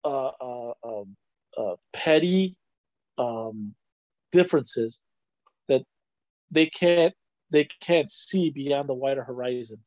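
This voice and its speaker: A man from the Chicago area, a podcast guest, talking slowly and agreeably with many filler sounds. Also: mid-range voice, a little mellow, no echo, dull audio. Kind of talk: conversational interview.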